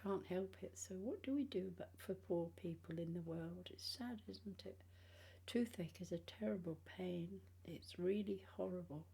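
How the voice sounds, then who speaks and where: Husky older British woman with missing teeth. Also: fairly low pitch, dark tone. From England. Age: 60s or older. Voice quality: speech affected by missing front teeth. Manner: halting, rambling, trailing phrases. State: tired. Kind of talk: casual personal vlog chat.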